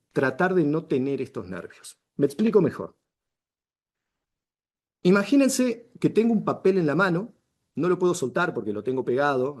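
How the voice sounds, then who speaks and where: A man's voice: a little high, darkish tone. A middle-aged man with a Rioplatense Spanish accent, teaching a public speaking workshop to camera, emphatic and full of rhetorical questions. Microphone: camera he controls with arm signals.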